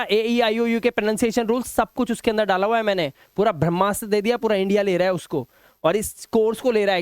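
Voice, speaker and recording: A man's voice: sits high, clean tone, no echo. Emphatic male English teacher, Indian accent. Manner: emphatic, repeats words and rules, drills pronunciations. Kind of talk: spoken English lesson.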